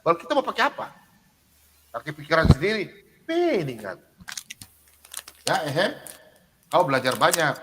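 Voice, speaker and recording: An emphatic man with a high, lively voice preaches off the cuff on a livestream. He fires rhetorical questions, reels off verse references and speaks of himself in the third person. The sound carries a long room reverb. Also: moderate pace, pauses often, noisy background. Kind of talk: unscripted live preaching, reading scripture.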